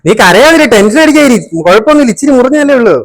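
A man filming a casual home prank for a family vlog, talking urgently and reassuring again and again, sometimes hushed. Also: extremely high pitch, animated, rapid-fire. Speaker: family vlogger pulling a prank.

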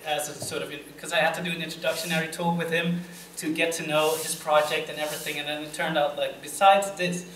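A man's voice: on the high side, little pitch movement, fairly quick, hardly any pauses, a bit bright. A young man hosting a live interview, casual and full of fillers. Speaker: host. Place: room with a table, audience. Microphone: table mic on stand. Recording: echoey room, noisy, far from mic.

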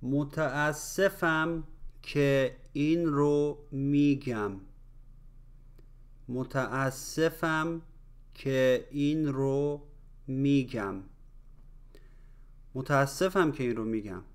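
Smooth-voiced man drilling phrases slowly. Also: mid-range voice. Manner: repeats each phrase slowly in pieces, then at full speed. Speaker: language teacher. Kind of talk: slow phrase-by-phrase language drill.

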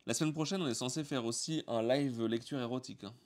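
A man's voice: medium pitch, fast talker, a little mellow. A man with a French accent, streaming and chatting casually with crude, teasing jokes.

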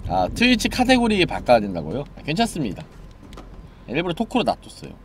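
A man streaming a horror game live, chatting and joking with viewers, dropping to mumbles and then yelling in excitement. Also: a little high, a little fast, slight background noise.

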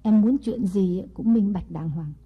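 A woman voicing a scheming young wife in an audiobook story, speaking in a sweet, deliberate way. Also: medium pitch, warm tone, husky, close to an everyday voice. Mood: coaxing. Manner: sweet-talking, slow and deliberate. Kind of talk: audiobook character reading.

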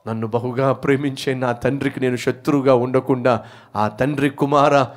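A man's voice: medium pitch, steady tone, normal speed. A male pastor preaching a sermon, telling a story theatrically and acting out the characters.

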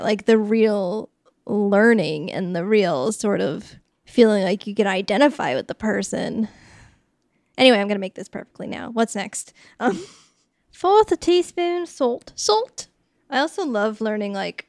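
A woman's voice: mid-range voice, creaky, no echo, studio quality. A young woman and podcast host, chatting in a rambling, self-deprecating way while she cooks and talks about editing. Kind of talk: casual cooking vlog narration.

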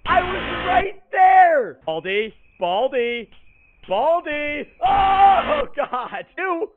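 A man in his twenties reacting like a scared horror game streamer, panicky and prone to yelling and exclaiming. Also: very high-pitched, wildly swooping pitch, very slow. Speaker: gaming video host. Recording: tinny, phone-like, noisy audio.

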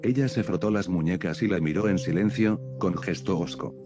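A man narrating a science fiction audiobook in a measured, even storytelling manner. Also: sits low. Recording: music playing behind the voice.

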